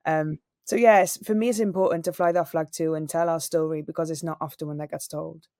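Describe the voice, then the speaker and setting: A woman's voice: low voice, steady tone, a little fast, a little mellow, dry recording, studio quality. A young woman from Wales, a singer and radio presenter, answering interview questions in an earnest, storytelling way. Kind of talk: interview conversation.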